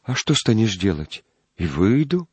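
A man reading a storybook aloud, voicing a gentle, frightened young peasant girl with a soft, tearful voice. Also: on the low side, very animated, unhurried, husky, no echo, pitched above the performer's own voice, heavily acted. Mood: sorrowful.

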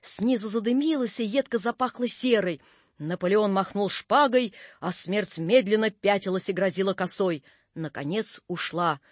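A man narrating a story in an expressive, theatrical reading. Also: high voice, moderate pace, dry recording.

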